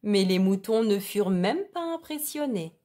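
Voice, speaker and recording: A woman reading a children's storybook aloud in a clear, expressive way. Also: medium pitch, normal speed.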